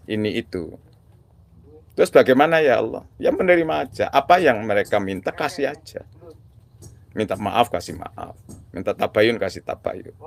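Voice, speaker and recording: A man's voice: on the low side, a little hiss or hum. A man tinged speech talking to his viewers in a casual monologue, preachy and mixing religious phrases slang. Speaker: video maker addressing viewers.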